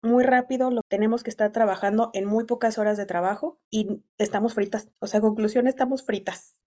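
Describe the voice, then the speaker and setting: A young woman with a Mexican Spanish accent, co-hosting a casual podcast chat and telling a work story in a lively way. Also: fairly high pitch, a little fast. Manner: animated storytelling, acting out quoted dialogue. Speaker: podcast co-host.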